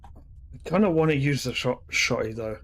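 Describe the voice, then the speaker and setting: A man of medium pitch and lively intonation, speaking at a moderate pace, gives rambling commentary on a shooter game he is streaming. He's casual and chatty, frequently correcting himself mid-sentence.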